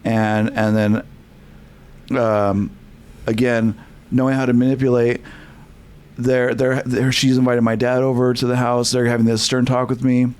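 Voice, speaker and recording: A man's voice: medium pitch, level tone, measured pace, long pauses, a little mellow, smooth. A young man, a podcast guest from California, telling his story candidly with many restarts and fillers.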